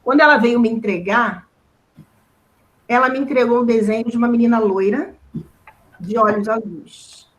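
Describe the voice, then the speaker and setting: A woman's voice: on the high side, moderate pace, pauses often, lo-fi sound. A Brazilian woman, a teacher, telling a personal classroom story in a discussion, emotional and close to tears at times, chatting with many fillers and tag questions. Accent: Brazilian Portuguese.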